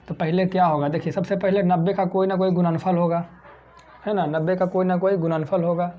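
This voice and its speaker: A man's voice: high-pitched, dark tone, lo-fi sound. A man from India teaching a math lesson for exam prep, who keeps asking his own questions and answering them.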